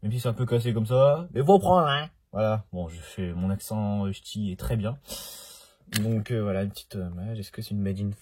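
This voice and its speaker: A man's voice: on the low side, fairly even intonation, a little fast, warm tone, a little hiss or hum. A man talking casually in a home vlog about his toy car collection, chatty and jokey, often interrupting himself.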